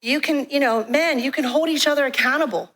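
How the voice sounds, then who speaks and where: A woman from a ministry giving a frank, animated testimony talk in a church, telling her story with laughs. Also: high-pitched, a little fast. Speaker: guest speaker from a ministry. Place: church sanctuary.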